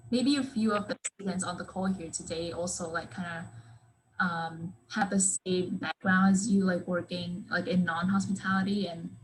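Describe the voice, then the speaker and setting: A woman's voice: on the low side, a bit bright, slight background noise, low-quality recording. A young woman moderating a Q and A on a video call, polite and partly scripted, with many likes and ums. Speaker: student moderator.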